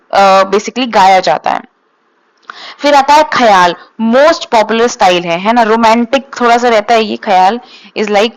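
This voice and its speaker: A woman teaching as an exam coach, explaining points in a steady lecture and often checking in with her listeners. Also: a little high. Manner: explanatory, repeats key facts, frequent "thik hai" check-ins.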